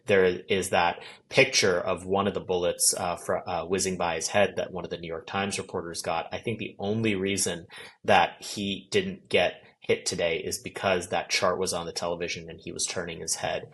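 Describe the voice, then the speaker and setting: A man giving an eyewitness account in an interview, speaking in a measured, reflective and articulate way. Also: deep voice, little pitch movement, a bit bright, husky. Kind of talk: recounting events in an interview.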